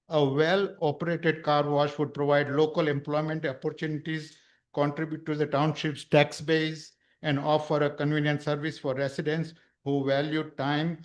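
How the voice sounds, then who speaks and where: A man reading prepared remarks to a township council at a podium microphone. He speaks formally and stumbles over a word now and then. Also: fairly high pitch. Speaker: public speaker at a council meeting. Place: township council meeting room.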